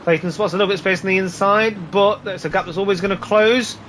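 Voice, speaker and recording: High, bright-voiced male motorsport commentator. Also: fast, a little hiss or hum. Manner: excitable running play-by-play, exclaiming. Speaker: motorsport commentator on a sim racing broadcast. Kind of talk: live motorsport race commentary.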